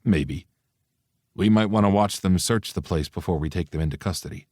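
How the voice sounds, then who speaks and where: A grumpy male operative who growls his words in a clipped way, voiced by a man reading aloud. Very low and dry, with no room sound. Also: moderate pace, a little mellow, no room sound. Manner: clipped, through clenched teeth.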